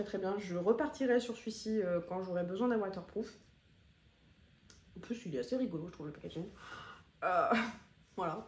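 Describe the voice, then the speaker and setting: A woman at a middle pitch talks loosely through her favourite cosmetics, filling pauses and doubling words as she gushes. She is recorded on a phone camera in an echoey room at home. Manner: chatty, repeats words for emphasis, many fillers. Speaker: beauty vlogger. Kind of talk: casual product review chat.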